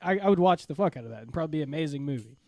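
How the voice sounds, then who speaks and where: High-voiced laid-back man saying "dude". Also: expressive, racing, darkish tone, dry recording. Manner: laid-back, says dude and bro, swears. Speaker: podcast co-host. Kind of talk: casual chat.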